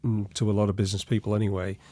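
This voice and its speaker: A man talking in a relaxed business conversation, measured and reflective, often saying "you know". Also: lowish voice, dry recording. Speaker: business advisor in a review chat. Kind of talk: casual conversational chat.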